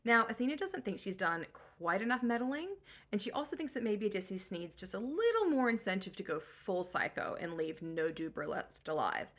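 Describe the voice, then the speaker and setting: A woman's voice: medium pitch, big pitch swings, normal speed, fairly bright tone. A young woman hosting a comedic book recap, talking in sarcastic slang. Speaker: host.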